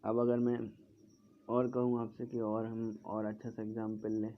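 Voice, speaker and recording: A man teaching grammar in Hindi, speaking slowly and repeating words as he writes. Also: lowish voice, completely flat delivery, slight background noise. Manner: slow, repeating words while writing on a board. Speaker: English teacher. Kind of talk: explaining English grammar in Hindi. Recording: dull lo-fi sound, faint background.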